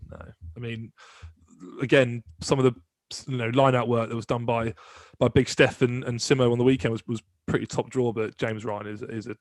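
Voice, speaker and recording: A man's voice: medium pitch, flat delivery, no echo. A man co-hosting a podcast in casual chat, chatty and full of restarts. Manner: quick, chatty, many restarts. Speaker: podcast co-host.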